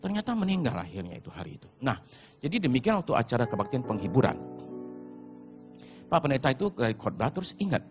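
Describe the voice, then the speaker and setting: A man preaching a sermon as pastor, telling stories and addressing the congregation directly, sometimes shouting in put-on voices. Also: medium pitch, very animated, quick pace, pauses often, soft background music.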